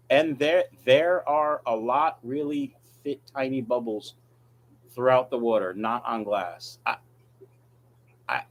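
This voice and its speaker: A man hosting a casual livestream, reading viewer questions and answering them in a blunt, offhand way. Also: medium pitch. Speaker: livestream host, aquarium fish breeder.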